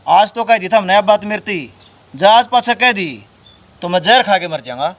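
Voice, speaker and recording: A man playing a proud, pious old village father, talking in a Haryanvi accent. His voice sits high for a man, and he lectures his family with wounded dignity. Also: lively intonation, normal speed, a bit bright. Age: older.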